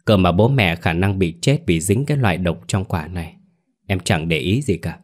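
A man's voice: deep voice, expressive, normal speed. A man playing a scheming young husband who fakes tender concern and pleads. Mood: coaxing. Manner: falsely caring, pleading.

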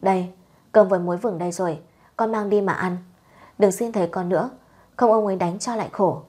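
A woman's voice: medium pitch, brisk, dark tone, slightly rough, close to an everyday voice. A woman voicing a poor, tender mother who sends her daughter off, in a storybook reading.

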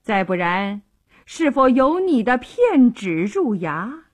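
A woman voicing an upright young male county magistrate who speaks in a calm, wry, deliberate way, in a traditional storytelling broadcast. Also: on the high side, exaggerated voice.

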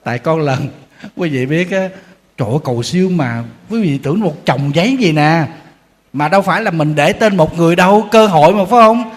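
A man giving a Buddhist dharma talk as a monk, telling anecdotes in an animated, humorous way. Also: on the high side, fairly quick, slight background noise. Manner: storytelling, animated, acting out quotes with humor. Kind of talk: sermon. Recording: long hall reverb.

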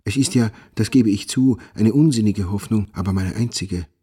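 An actor playing a brooding, anxious male writer in a radio play, speaking quietly and with measured melancholy. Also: on the low side, slightly rough, no room sound, clean studio sound.

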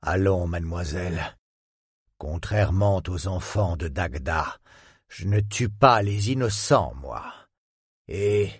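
Guy doing a creepy villain antique dealer, low husky voice, slow and quiet, dry sound. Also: dry recording, full character voice. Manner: cold, slow, hushed threatening delivery. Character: menacing middle-aged male antique dealer villain.

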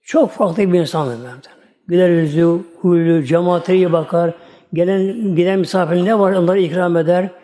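A man's voice: sits high, steady tone, moderate pace, warm tone. A man, a religious teacher, giving a storytelling religious talk in a folksy, repetitive way.

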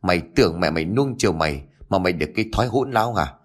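A stern older stepfather scolds and threatens in rapid bursts, as a man reads him. His voice is low, with a lively, swinging pitch. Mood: furious scolding. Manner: scolding, forceful.

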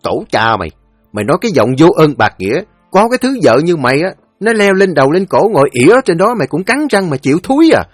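A woman's voice: low voice, sing-song, fast talker, no room sound, soft background music, pitched above the performer's own voice. A man voicing a fierce unmarried older sister, berating harshly. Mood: furious.

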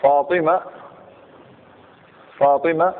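A man's voice: fairly high pitch, fairly even intonation, slow pace, slight background noise. A man teaching grammar to a class, quizzing the students and repeating examples. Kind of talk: classroom lecture. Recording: tinny phone-like recording.

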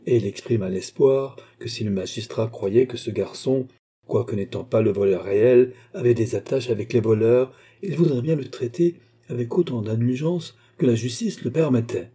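A man reading a novel aloud in measured audiobook narration. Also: mid-range voice, mellow, husky. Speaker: reader.

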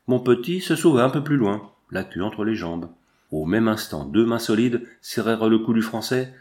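A man narrating a classic adventure novel aloud in a measured, expressive storytelling manner. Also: fairly low pitch. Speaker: audiobook narrator. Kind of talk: scripted literary narration.

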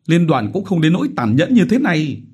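A man's voice: a little high, very animated, fairly quick, a little mellow, husky, pitched above the performer's own voice, full character voice. A man voicing a desperate poor widow who wails and pleads. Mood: wailing. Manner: wailing, pleading.

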